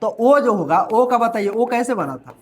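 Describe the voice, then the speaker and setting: A man's voice: extremely high pitch, animated, normal speed. A man teaching a grammar lesson, repeatedly asking questions and answering them himself, sounding out letters aloud as examples. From India. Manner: repetitive call-and-answer questioning. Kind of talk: classroom lesson.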